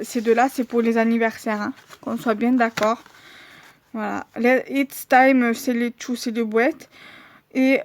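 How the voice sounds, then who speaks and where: A woman's voice: a little high, a little hiss or hum. A woman vlogger showing her handmade cards in a casual, hesitant way, with many fillers. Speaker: crafting vlogger.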